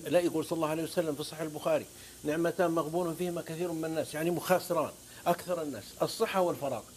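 A man's voice: a little high, fairly even intonation, racing, darkish tone, a little hiss or hum. A man with a Saudi accent, a guest preacher on a talk show, telling stories with fervent oaths and scripture quotes. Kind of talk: religious talk-show storytelling.

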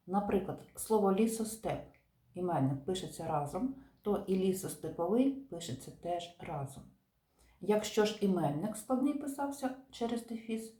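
A woman teacher calmly explaining spelling rules to viewers, stressing each example word. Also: medium pitch. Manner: calm, methodical, stresses example words. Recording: echoey room.

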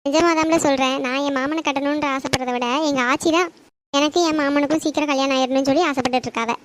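A woman's voice: high voice, fairly even intonation, quick pace, slight background noise, natural voice. A woman voicing an earnest young village woman in love, chatty, with a southern Tamil accent. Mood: dreamy.

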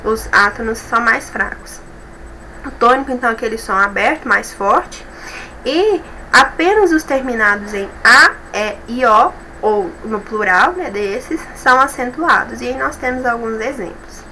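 A woman's voice: fairly high pitch, lively intonation, normal speed, sharp tone, slight background noise, low-quality recording. A Brazilian woman teacher explaining grammar rules in an online review lesson, patient and methodical, often checking in with her students. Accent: Brazilian Portuguese. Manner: patient, explanatory, checks in with tags like "certo?" and "tá bom?".

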